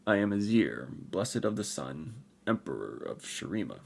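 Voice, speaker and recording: A man voicing an ancient armored warrior emperor, speaking formally and gravely in a rich voice. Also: lowish voice, very animated, moderate pace, a little hiss or hum, voice pushed up. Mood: weary. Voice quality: rich voice with an unfamiliar accent.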